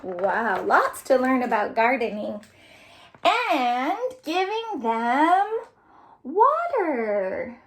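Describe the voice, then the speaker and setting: This storytime host, a children's librarian, reads aloud to young kids with a playful, exaggerated lilt and sings along. Her high voice is sing-song, stretching her words out.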